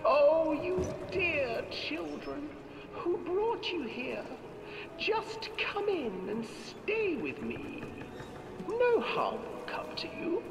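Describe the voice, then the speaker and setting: A child-eating old crone from a horror game's storybook, coaxing in a high, sing-song falsetto that leaps all over, put on by a male narrator. She drawls her words slowly. The voice sits far back in a long, echoing hall with music under it. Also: big pitch swings, gravelly, background noise, full character voice. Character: wheedling old female witch who eats children.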